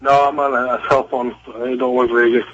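A man phones into a talk radio show, his voice thin and tinny through a cell phone. The line sounds dull and lo-fi. He talks haltingly and hesitantly, with lots of fillers. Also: medium pitch, flat delivery, a bit bright. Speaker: caller.

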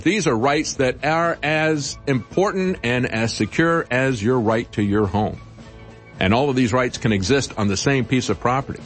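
A man's voice: fairly high pitch, a bit bright, no echo. A man delivering political commentary in an earnest, emphatic, oratorical way.

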